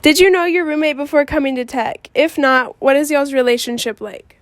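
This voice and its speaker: A woman's voice: sits high, brisk, dry recording. A woman reading interview questions. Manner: reads questions.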